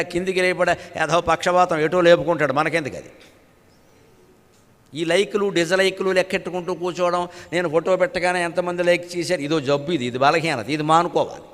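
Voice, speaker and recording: High-voiced older man preaching in a hall. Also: a bit bright. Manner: chants Telugu verses slowly, then explains in conversational asides. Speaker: spiritual lecturer. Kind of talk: religious discourse with chanted verses. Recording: long hall reverb.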